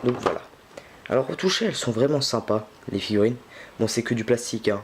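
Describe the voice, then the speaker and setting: A man's voice: medium pitch, animated, brisk, background noise. A young man filming an unboxing at home, talking casually and hesitantly with many fillers and restarts. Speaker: unboxing vlogger.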